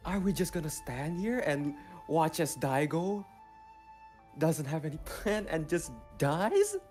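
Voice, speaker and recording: A man playing a bitter, defiant villain in a tabletop game, delivering a slow theatrical monologue with heavy pauses. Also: on the high side, sing-song, darkish tone, soft background music. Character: bitter defiant villain justifying killing loved ones. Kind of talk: tabletop role-play monologue.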